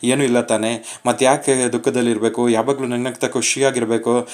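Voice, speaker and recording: A kind young husband, talkative and teasing, coaxing everyone out of their worries, as a man reads his lines. His voice stays flat and middle-pitched, plain and everyday. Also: normal speed, natural voice. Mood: reassuring.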